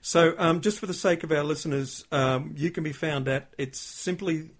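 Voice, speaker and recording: A male podcast host in casual interview chat, talking chattily and warmly complimenting his guest, with plenty of ums and uhs. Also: on the high side, moderate pace. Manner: chatty and complimentary, with many fillers.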